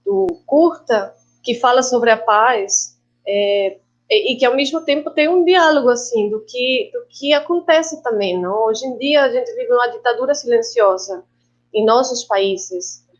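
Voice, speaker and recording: Colombian woman talking slow and thoughtful on a video call, spanish accent, kinda muffled lo-fi sound. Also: on the high side, animated. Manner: reflective, halting, slips Spanish words into Portuguese. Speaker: guest filmmaker and actress. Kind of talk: online panel talk.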